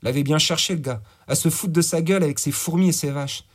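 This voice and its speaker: A man with a slightly high voice narrates a gritty crime story at a quick pace. His audiobook style is slangy and vivid, and he voices the different characters.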